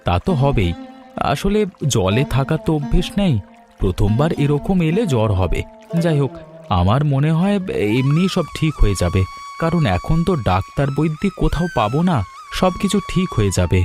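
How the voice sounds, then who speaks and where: Guy doing a calm cartoon fisherman dad, reassuring, faint music under it. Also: fairly high pitch, normal speed. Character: poor middle-aged fisherman, steady father.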